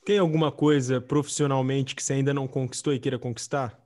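A man's voice: medium pitch, fairly even intonation, quick pace, a little mellow. A man interviewing a guest, asking questions and adding thoughtful remarks that build on his points.

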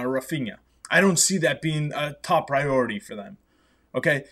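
A man's voice: fairly high pitch, a bit bright. A man hosting a podcast, ranting emphatically with sarcasm in casual chat. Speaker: podcast host.

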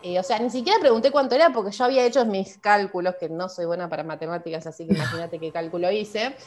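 A woman's voice: mid-range voice, fast talker, darkish tone, soft background music. A woman with a Rioplatense Spanish accent, a trained announcer, telling her story casually with lots of fillers and restarts. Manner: chatty, full of fillers and restarts.

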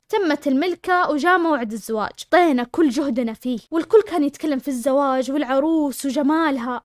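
A woman with a Saudi accent hosting a story channel, telling a listener's tale and then giving her own blunt, lively opinion. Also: high voice, dry recording, clean studio sound. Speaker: YouTube storyteller and channel host. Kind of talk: rapid conversational storytelling and opinion.

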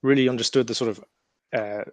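A young man answering as an interview guest in a measured, reflective way. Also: mid-range voice, steady tone, darkish tone, no room sound. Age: young adult. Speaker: podcast guest, law firm associate.

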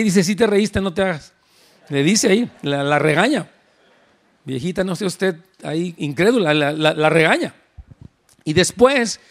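High-voiced man preaching a Bible lesson. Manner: conversational storytelling, addresses listeners as brothers. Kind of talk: sermon, Bible teaching.

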